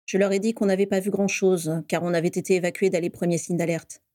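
A woman voicing a calm, cautious teenage boy wizard who speaks in a measured, dry way. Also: lowish voice, no echo, natural voice.

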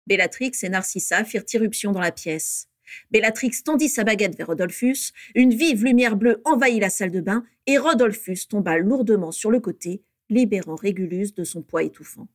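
A woman reading a story aloud with steady, measured narration. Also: mid-range voice, no echo, studio quality.

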